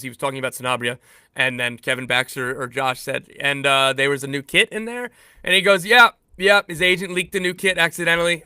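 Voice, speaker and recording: A man's voice: medium pitch, smooth, no room sound, studio quality. A man co-hosting a sports podcast, chatting casually and jumping between restarts and self-corrections as he shares news. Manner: animated, self-correcting, jokey. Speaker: podcast co-host and insider.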